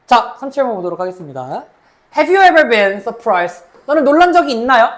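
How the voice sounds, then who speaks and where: A woman lecturing as a cram school English teacher, reading English sentences slowly, then explaining them in Korean and checking in with her students. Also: a little high, big pitch swings. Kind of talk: mock exam explanation lecture.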